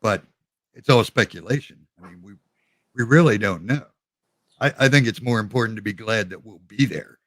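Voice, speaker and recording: A man co-hosting a casual faith discussion, giving his views in an easygoing, measured way. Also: on the low side, fairly bright tone, no echo. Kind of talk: casual discussion on a live stream.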